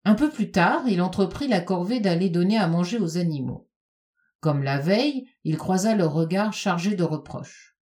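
A woman reads a children's story aloud with a warm, mellow tone. Her narration is calm and steady. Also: fairly low pitch, moderate pace.

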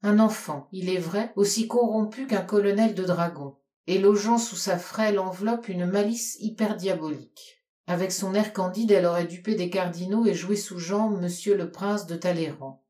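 A woman reading a literary audiobook aloud in a measured, expressive way. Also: mid-range voice. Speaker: audiobook reader. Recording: echoey room.

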